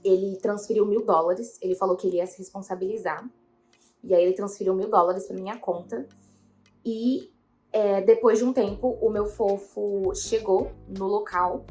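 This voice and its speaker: A woman's voice: medium pitch, steady tone, normal speed, mellow, soft background music. A young woman, telling a story to her viewers in a rambling way, full of fillers and quotes of herself. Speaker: vlogger.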